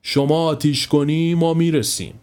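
A male narrator playing an easygoing, sensible middle-aged husband who talks in a reassuring, relaxed way, in a spoken story. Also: fairly high pitch, pitched above the performer's own voice, close to an everyday voice.

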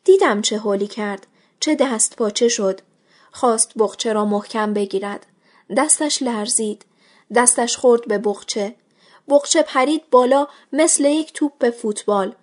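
A woman reads a literary short story aloud in the first person. Her voice sits a little high, and her telling is measured and expressive, shaping each line of the story. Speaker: audiobook reader.

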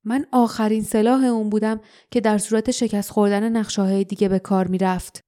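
A woman's voice: a little high, fairly even intonation, darkish tone, close to an everyday voice. A woman voicing a sneering traitor servant. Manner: sneering, menacing. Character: treacherous shape-shifting boy servant of a dark lord.

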